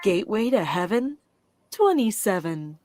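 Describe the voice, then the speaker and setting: A woman working as a bingo caller, announcing rhyming number nicknames in short, deliberate, separated calls. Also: mid-range voice, big pitch swings, no echo. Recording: loud music behind the voice. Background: loud music.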